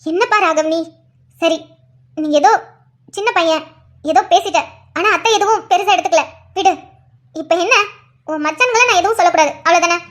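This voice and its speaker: A woman's voice: very high-pitched, fairly bright tone. A woman voicing a sly, defensive, scheming aunt in a family cartoon. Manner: sly, self-pitying, quick. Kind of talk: cartoon voice acting.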